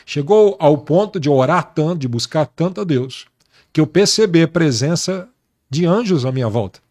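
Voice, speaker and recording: In an interview, a pastor with a somewhat high, slightly mellow voice shares his testimony of faith. His delivery is earnest, slow, and emphatic, with lively intonation, and he repeats words to give them weight.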